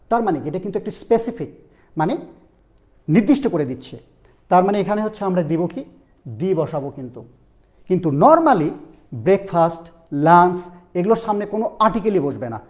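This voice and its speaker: ভর্তি পরীক্ষার অনলাইন ক্লাসে এক পুরুষ শিক্ষক প্রশ্ন করে করে ব্যাকরণ বোঝাচ্ছেন, মূল শব্দগুলো ধীরে ধীরে বারবার বলছেন।. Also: male voice, sits high. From Bangladesh. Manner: animated, questioning students, repeating key phrases slowly. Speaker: teacher. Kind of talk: online admission-prep English lesson.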